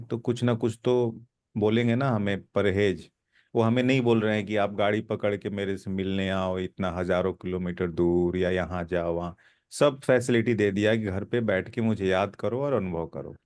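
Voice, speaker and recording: A middle-aged man leads an informal spiritual lesson. He talks in a relaxed, conversational way, explains one point after another, and keeps checking that his listeners follow. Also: on the low side. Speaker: spiritual course teacher.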